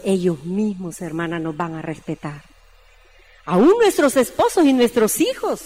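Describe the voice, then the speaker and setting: A woman preaching a sermon in a church, emphatic and repeatedly calling her listeners sisters. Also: medium pitch. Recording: long reverb in a church hall.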